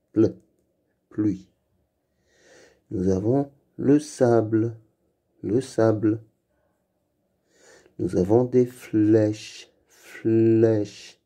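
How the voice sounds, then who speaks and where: A man leading a slow reading lesson for young children, saying each sound and word twice. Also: on the low side, warm tone. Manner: repeats each word and sound slowly and clearly. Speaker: reading teacher.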